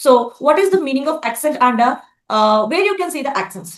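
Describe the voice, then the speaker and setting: A woman's voice: sits high, expressive, quick pace. A woman teaching a spoken class, explaining with fillers and frequent checking questions. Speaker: English teacher. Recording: roomy echo.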